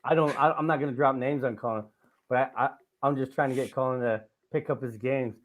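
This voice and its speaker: A man hosting a casual comedy podcast over a call, with a voice in the ordinary middle range. He teases his guest with crude, loud jokes and keeps breaking into laughter. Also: medium pitch, brisk. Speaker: podcast host.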